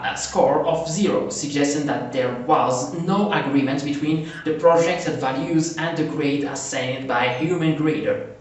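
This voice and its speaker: Reading a prepared research presentation in an echoey room, a man from Morocco, a native Arabic speaker, halts often, filling with "uh" and correcting himself. His voice is a little high, and the distant mic makes the recording very echoey.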